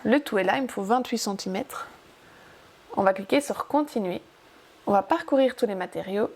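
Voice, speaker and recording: A woman's voice: medium pitch, moderate pace, darkish tone. A woman hosting a casual crafting tutorial, chatty and upbeat as she guides viewers step by step. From France.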